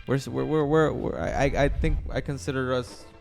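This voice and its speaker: A man's voice: medium pitch, steady tone, fairly quick, vocal fry, darkish tone, faint music behind. A young man co-hosting a casual podcast, rambling with stammered restarts and plenty of fillers. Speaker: podcast co-host. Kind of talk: casual chat.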